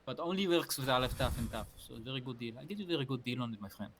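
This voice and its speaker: A man's voice: medium pitch, animated, racing, fairly bright tone, slight background noise, natural voice. A man voicing a pushy male Israeli telephone salesman with wheeling-dealing sales patter. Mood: salesy.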